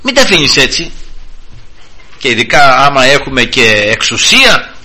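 A male preacher delivers a fervent sermon, his voice strikingly bright and ringing. He talks in halting bursts and keeps addressing the congregation as brothers. His delivery leaps from low and quiet to high and loud. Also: very animated. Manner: fervent, swings sharply up and down in pitch and volume; addresses listeners constantly as brothers, halting restarts.

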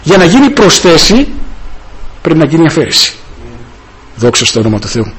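A man's voice: huge pitch swings, a bit bright, slight background noise, rough recording. A man preaching a sermon with passion, breaking into hallelujahs. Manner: impassioned, rising and falling pitch, many hallelujahs.

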